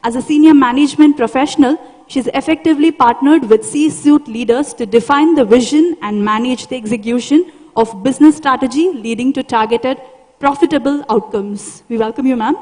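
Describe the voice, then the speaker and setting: A woman's voice: high voice, fairly quick, darkish tone. A woman with an Indian accent reading formal scripted introductions as an event announcer. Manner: formal, ceremonious. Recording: echoey hall PA, long reverb.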